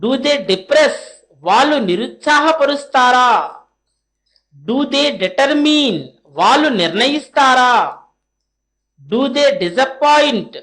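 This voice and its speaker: A woman teaching spoken English, reading short question drills slowly and with deliberate spacing, each followed by a translation. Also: high-pitched, expressive, a bit bright.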